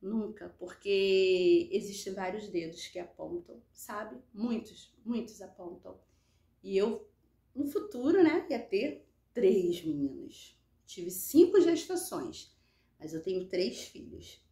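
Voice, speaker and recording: A woman's voice: medium pitch, expressive, takes it slowly, dark tone, reverberant. A middle-aged woman with a Brazilian Portuguese accent gives an earnest personal faith testimony, repeating phrases for emphasis.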